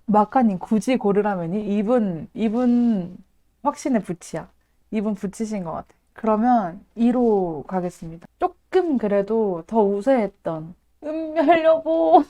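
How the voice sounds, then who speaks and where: A woman hosting a casual live stream, excitable and dramatic, often laughing and reacting to viewer comments. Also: medium pitch.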